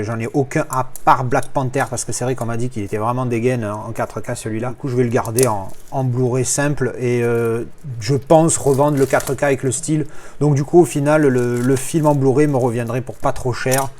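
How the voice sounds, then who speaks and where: A man's voice: mid-range voice, darkish tone. A man from talking casually through an unboxing, rambling with frequent fillers and restarts. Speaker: collector unboxing films.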